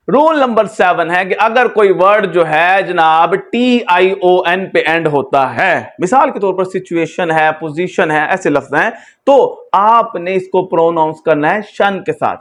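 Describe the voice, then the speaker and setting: Male teacher, high voice, unhurried explanations. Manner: slow, explanatory, switching between Hindi-Urdu and English. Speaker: English pronunciation teacher. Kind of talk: explaining rules in a lesson.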